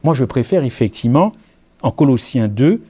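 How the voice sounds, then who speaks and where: Conversational French preacher, mellow voice. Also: male voice, mid-range voice, expressive, moderate pace, slightly rough. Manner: conversational, asides and rhetorical questions to the congregation. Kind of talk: sermon with Bible study.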